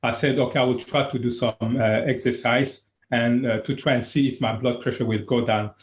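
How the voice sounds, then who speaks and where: Appearing as an interview guest, a Congolese man who works as a wellness coach recounts his own life in a sincere, straightforward way, with halting restarts. His mid-range voice keeps a fairly even intonation, and the sound is reverberant.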